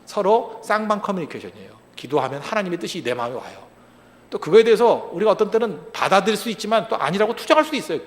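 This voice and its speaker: High-pitched, fast-talking preaching man. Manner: animated preaching with rhetorical questions to the congregation; acts out short quoted lines in other voices. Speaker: pastor. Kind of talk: sermon. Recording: long reverb of a large hall.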